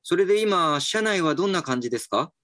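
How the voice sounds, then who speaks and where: In a voice drama with inner narration, an actor plays a reflective, somewhat dejected male employee who muses politely and wryly. His voice is a little high and a bit bright, fast-paced with lively intonation. The recording is dry, with music playing behind him.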